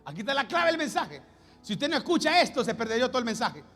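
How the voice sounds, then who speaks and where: A man preaching a sermon as pastor, repeating phrases and swinging between loud calls and hushed lines. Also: very high voice, big pitch swings, fast, faint music behind.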